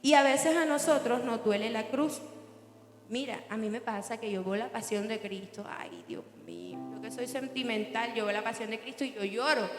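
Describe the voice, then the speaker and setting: A woman's voice: fairly high pitch, fairly even intonation, moderate pace. A woman preaching a sermon in an earnest, conversational way and asking the listeners questions. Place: church hall. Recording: echoey church hall with long reverb. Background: music.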